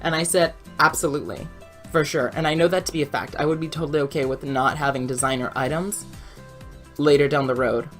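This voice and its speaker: A woman's voice: low-pitched, fairly quick, faint music behind. A young woman telling a chatty, rambling story as a voice-over, laughing often. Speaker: YouTuber.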